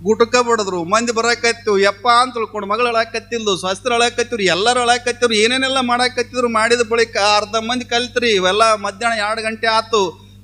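A man with a very high, bright and forceful voice tells a comic village tale. He slips into the voices of the wife, the beggar and the landlord as he goes. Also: normal speed, soft background music. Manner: animated, acts out voices of villagers. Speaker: swami storyteller. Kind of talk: folk comedy storytelling.

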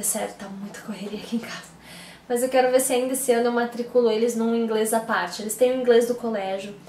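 A woman's voice: a little high, a little mellow, reverberant, a little hiss or hum. A Brazilian woman chatting casually to her vlog audience from home, often correcting herself mid-sentence. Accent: Brazilian Portuguese. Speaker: mom vlogger. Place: at home, indoors.

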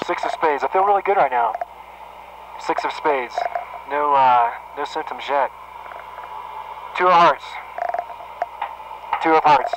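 A young man, an aircrew trainee, speaking in a slow, confused, repetitive way through an oxygen mask. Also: on the high side. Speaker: military aircrew trainee in altitude chamber. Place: small altitude training chamber. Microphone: oxygen mask microphone. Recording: noisy radio intercom, machine hum.

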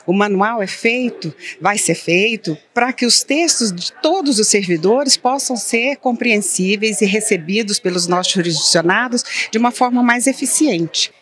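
Woman, 40s, Brazilian accent, brisk interview, handheld mic. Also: mid-range voice, animated, a bit bright. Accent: Brazilian Portuguese. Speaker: tribunal staff member. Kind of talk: press interview. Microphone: handheld reporter mic.

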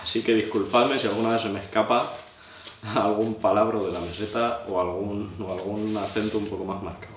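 A man from Albacete with a La Mancha Spanish accent walks through sharpening a blade step by step at an indoor table, thinking aloud in a practical, explanatory way. His voice is on the low side, a little fast, with fairly even intonation. The recording is roomy and distant, with a little hiss or hum and blade scraping on stone.

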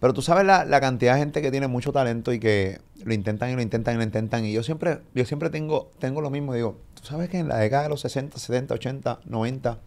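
A middle-aged man hosts a casual chat. He talks in an animated way, swears freely and acts out quoted lines. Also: mid-range voice, fast, few pauses. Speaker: podcast host.

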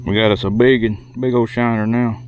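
A man's voice: medium pitch, fairly even intonation, brisk, highs cut off, slight background noise. Folksy man fishing outdoors. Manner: folksy, chatty, addresses viewers as y'all. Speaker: fishing vlogger. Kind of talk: casual outdoor commentary. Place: outdoors at a pond bank.

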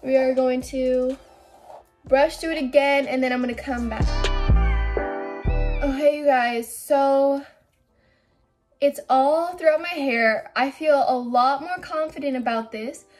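A woman's voice: high-pitched, slow pace, pauses often, music in the background. A young woman vlogging casually at home into a camera mic, chatty and a little anxious, rambling and restarting her sentences. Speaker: beauty vlogger. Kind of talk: casual vlog chat.

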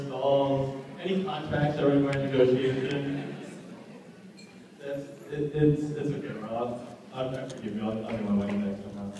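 A man's voice: mid-range voice, noisy background. A young man giving a joking best man speech at a wedding, telling stories and often restarting his words. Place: wedding reception hall. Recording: echoey hall from far off.

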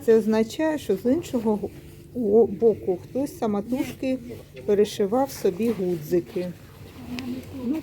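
Inside a secondhand shop, a middle-aged woman gives casual vlog commentary on secondhand clothes. She talks through each piece without hurry, sometimes correcting herself mid-word. Her voice is on the high side and dark in tone, with a little hiss or hum in the recording.

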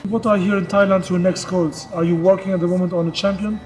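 A man in his thirties hosting a casual interview and gym review, talking in an energetic, emphatic way. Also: high voice, fast, faint music behind. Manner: energetic, emphatic, animated with hand gestures. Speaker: host. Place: open-air boxing gym, then outdoor garden.

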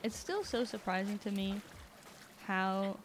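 A woman's voice: mid-range voice, a little slow, background noise. A woman from Canada chatting casually while streaming a video game, rambling and laughing often. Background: video game music.

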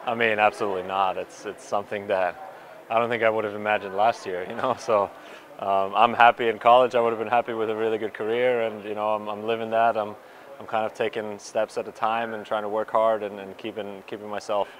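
Facing a postgame media scrum before a sponsor backdrop, a young soccer pro responds in a low, flat voice with little pitch movement and a slightly bright quality. His answers are hesitant, full of fillers and false starts, caught on reporters' handheld mics and recorders held close. The stadium hums faintly in the background.

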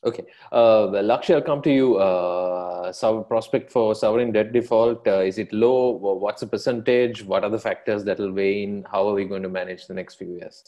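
A man with a Sri Lankan English accent moderating a video call panel, asking brisk questions. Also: fairly low pitch, steady tone, mellow, muffled recording. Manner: brisk questioning, short acknowledgments.

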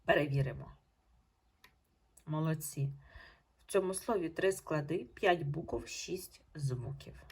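A woman teacher giving a recorded online lesson to young pupils, speaking in slow, patient, clearly spaced instructions. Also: low voice. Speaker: primary school teacher.

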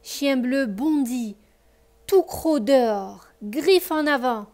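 A woman with a high, light voice reads a children's picture book aloud. She takes her time over each phrase and tells the story expressively for young listeners. Later she speaks softly and gently, putting questions to the child. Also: animated, takes it slowly.

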